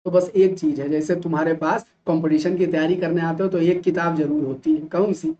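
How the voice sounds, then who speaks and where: Man, teacher, animated classroom lecture, rhetorical questions, slightly lo-fi. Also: a little high, brisk, slight background noise. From Uttar Pradesh, India. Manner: lively, mimics students, rhetorical questions.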